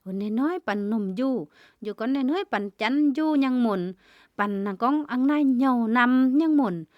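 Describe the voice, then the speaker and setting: A woman's voice: fairly high pitch, animated, unhurried, dry recording. Woman preaching in rhythmic repeated phrases. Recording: dull, dry lo-fi recording.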